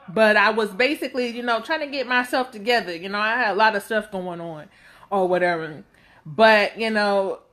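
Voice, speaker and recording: A woman in her thirties vlogging straight to camera, with a rather high, bright and forceful voice. She rambles and speaks bluntly, leaning on fillers as she goes. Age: 30s. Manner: blunt and outspoken. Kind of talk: casual talk to camera.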